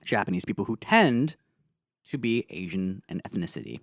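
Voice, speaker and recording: A man co-hosting a comedy podcast, chatting casually with a sarcastic, deadpan ironic delivery. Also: on the low side, normal speed, creaky, dry recording, clean studio sound. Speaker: podcast co-host.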